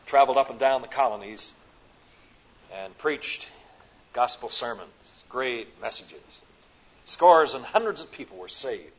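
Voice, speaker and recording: Here the Midwestern preacher has a fairly low, breathy-edged voice as he delivers his sermon in a conference hall, alternating loud emphatic climaxes with quiet, slow lines. It comes through on a dull, lo-fi recording.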